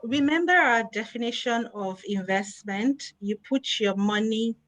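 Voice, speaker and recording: A woman's voice: mid-range voice, fairly bright tone, no room sound, poor audio. A woman, answering audience questions as an investment expert, patient and plain, stressing key words. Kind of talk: explanatory Q&A answers.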